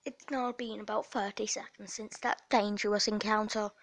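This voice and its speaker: A woman's voice: medium pitch, little pitch movement, normal speed, a little hiss or hum. A young woman narrating her dog at home as a playful parody of a nature documentary, with mock-serious commentary. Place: at home indoors.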